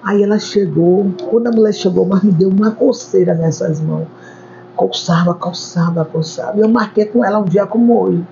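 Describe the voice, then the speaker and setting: A woman's voice: medium pitch, fairly quick, hardly any pauses, mellow. A woman, a hair stylist, telling stories in an interview and repeating words for emphasis. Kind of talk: interview storytelling. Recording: dull lo-fi recording, faint background noise.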